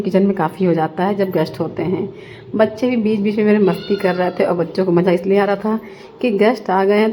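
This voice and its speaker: Middle-aged lady vlogger chatting through her day, warm mellow tone, faint hiss behind. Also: mid-range voice. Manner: chatty, homely storytelling. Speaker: family vlogger. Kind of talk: voice-over narrating a family day vlog.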